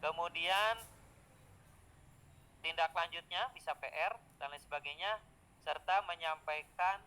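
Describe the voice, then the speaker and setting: A man's voice: fairly high pitch, measured pace, sharp tone, rough recording. A middle-aged man, a teacher-training lecturer, giving informal feedback in a chatty way with frequent tag words and small hesitations.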